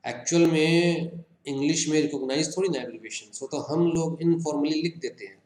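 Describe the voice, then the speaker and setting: A man with an Indian accent teaching an exam-prep lesson, drawing out example words slowly and checking in with listeners. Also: fairly high pitch, a little mellow, echoey room. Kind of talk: exam-prep lecture in Hindi-English mix.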